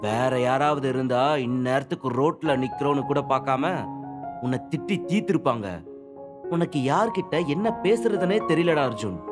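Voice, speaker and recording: A man playing a soft-spoken, troubled young man who talks in a gentle, apologetic way, with soft music behind him. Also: medium pitch, moderate pace, close to an everyday voice. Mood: self-reproachful. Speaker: male lead. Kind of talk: audiobook drama acting.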